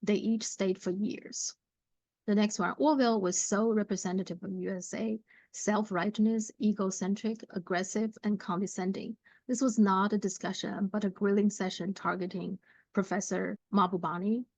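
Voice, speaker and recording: A woman hosting her own channel, reading viewer comments aloud and then giving her commentary in a measured way, often pausing on "uh". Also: mid-range voice, steady tone, a little mellow, no room sound. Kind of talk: commentary on current affairs.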